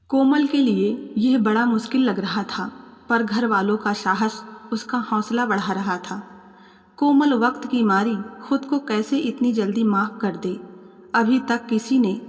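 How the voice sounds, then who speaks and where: Calm, measured woman storyteller, fairly high voice, long reverb on the recording. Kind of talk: scripted story narration.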